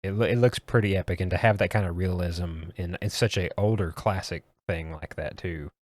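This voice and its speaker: A man's voice: low-pitched, fairly quick, a little mellow, no room sound, studio quality. A man hosting a casual podcast, talking in an easygoing, hesitant way with many fillers. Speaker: podcast host. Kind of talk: casual chat.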